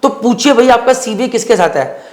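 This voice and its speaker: Extremely high-pitched and a little mellow, this male host talks animatedly and fairly fast as he interviews a guest conversationally. He keeps pushing with follow-up questions, slips English words into his speech, and the studio sounds roomy and echoey.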